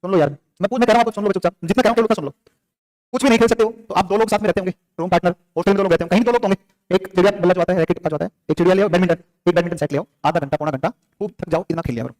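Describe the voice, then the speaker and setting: A man's voice: high-pitched, very fast, darkish tone. A male teacher giving a classroom lecture, firing off questions and answering them himself, scolding and joking with the students in between. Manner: drills facts with repeated questions and answers.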